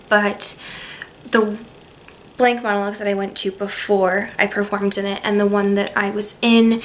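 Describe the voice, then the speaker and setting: A young woman talking to camera in a personal, reflective vlog, hesitant and soft-spoken, with pauses and restarts. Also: medium pitch, slight background noise, rough recording. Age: young adult. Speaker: vlogger.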